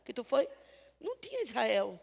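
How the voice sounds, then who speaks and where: A woman with a Brazilian Portuguese accent preaching a sermon at a church, telling the story lively and acting out the dialogue, swinging from loud to soft. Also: a little high, moderate pace, gravelly, in a large hall.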